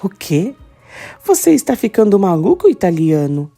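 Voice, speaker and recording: Uma mulher lendo as falas de uma jovem brava e desafiadora, com réplicas ríspidas e desdenhosas. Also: female voice, mid-range voice, big pitch swings, normal speed, warm tone, soft background music. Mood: defiant. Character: fiery young Brazilian woman, defiant.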